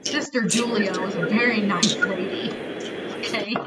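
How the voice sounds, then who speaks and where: A woman's voice: mid-range voice, normal speed, very noisy. Woman running a tabletop game. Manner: lively narration with sound effects. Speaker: game master.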